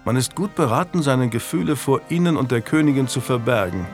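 A man's voice: medium pitch, lively intonation, fairly quick, faint music behind, close to an everyday voice. A man voicing a weary, frank adult knight in an audiobook, speaking wryly and candidly. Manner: wry, candid.

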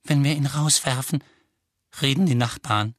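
A man voicing a tense, fearful, sharp-tongued aunt with a shrill, trembling voice in a storybook reading. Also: moderate pace, no room sound, studio quality, close to an everyday voice. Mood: flat.

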